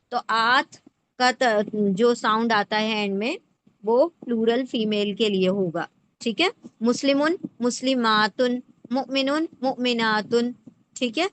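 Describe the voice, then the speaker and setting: A woman's voice: on the high side, a little hiss or hum. A woman teaching the Quran word by word in a patient lesson, breaking words into parts and often checking in with the listener. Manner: checks in often with rhetorical questions. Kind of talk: explanatory lesson.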